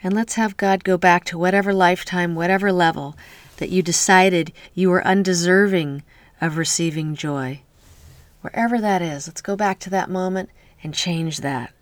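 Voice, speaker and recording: Soft whispery woman guiding a meditation. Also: fairly low pitch, steady tone, no room sound. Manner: soft, slow, repeats a soothing refrain, often drops to a whisper. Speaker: spiritual healing guide. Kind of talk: guided healing meditation.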